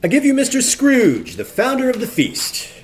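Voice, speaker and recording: A man playing a mild, kindly Victorian father in a radio play, gentle and placating. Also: very high-pitched, wildly swooping pitch, moderate pace, slight background noise, exaggerated voice. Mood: warm toast. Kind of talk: theatrical radio play acting.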